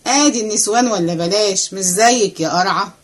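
A woman voicing a restless, cheeky young male servant with an Egyptian accent, chattering fast and excitedly. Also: mid-range voice, lightly acted. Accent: Egyptian Arabic. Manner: excited rapid chatter, running commentary.

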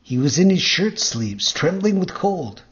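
A man's voice: sits high, big pitch swings, unhurried, fairly bright tone, lo-fi sound, pitched above the performer's own voice, full character voice. A man voicing a sly, courteous, persuasive lame fox in a storybook reading. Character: sly, lame male fox swindler, smooth-talking.

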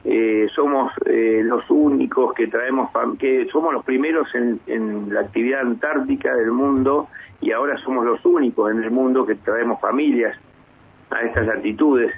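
Husky man on a tinny phone line. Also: medium pitch, no room sound. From Argentina. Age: 50s. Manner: measured, many hesitations and restarts. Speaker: base commander guest. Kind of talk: phone interview on radio.

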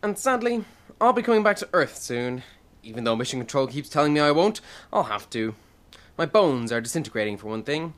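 A woman's voice: rumbling low, big pitch swings, fairly quick. A woman playing a vain, boastful male commander of a space station in an audio comedy. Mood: grandiose. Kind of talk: comic radio-play acting.

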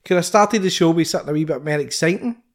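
A man with a Scottish accent co-hosting a podcast, chatting in excitable, rambling banter. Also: on the high side, fast talker. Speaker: podcast co-host. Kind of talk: casual chat.

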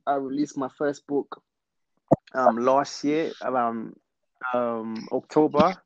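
Congolese-born London man, guest on a podcast, halting delivery, dry dull call sound. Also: medium pitch, fairly even intonation, no echo. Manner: hesitant, many ums, laughs easily. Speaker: guest, fashion brand founder. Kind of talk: casual interview.

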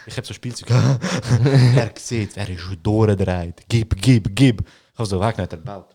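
A man's voice: fairly low pitch, moderate pace, slightly rough. A young man with a Swiss German accent, co-hosting a casual podcast, telling stories with lots of laughter and acted-out quotes. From Switzerland. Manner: animated storyteller, laughs often, acts out quotes. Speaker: podcast co-host. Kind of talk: casual chat.

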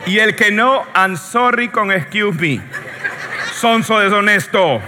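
A pastor from Latin America preaching a sermon with a joking, animated storytelling manner. He keeps checking in with the congregation. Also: high voice, takes it slowly, noisy background. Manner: joking, animated storytelling, often asks the audience "yes or no". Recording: long hall reverb.

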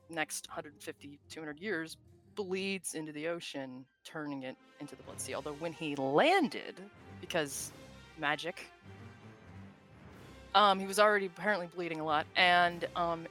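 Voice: medium pitch, bright, forceful tone. A podcast co-host in casual chat about game lore, rambling, laughing often and swearing offhandedly.

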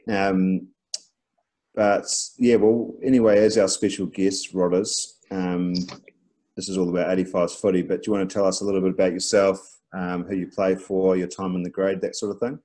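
A New man co-hosts a casual sports podcast in a very low voice. He talks in a relaxed way, hesitating often and filling gaps with ums. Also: moderate pace. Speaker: podcast co-host.

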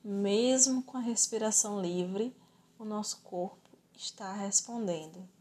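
A woman with a Brazilian accent teaching yoga and relaxation in a calm, soothing, measured way with gentle pauses. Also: mid-range voice. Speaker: yoga instructor. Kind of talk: guided yoga and relaxation instruction.

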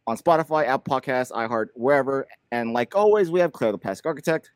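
A male podcast host with a slight lisp, rambling chattily with lots of fillers. His pitch swings widely as he talks. The sound is dry and close. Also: expressive, fast talker, no room sound. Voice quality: slight lisp from dental aligners. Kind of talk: casual podcast chat.

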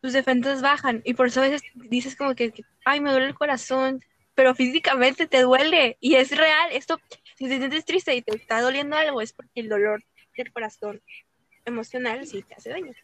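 A woman's voice: high-pitched, fairly even intonation, normal speed, a bit bright, no room sound, poor audio. A woman co-hosting a podcast, chiming in with asides before handing the floor back. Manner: chimes in with asides, then hands the floor back. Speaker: podcast co-host. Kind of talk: casual podcast chat.

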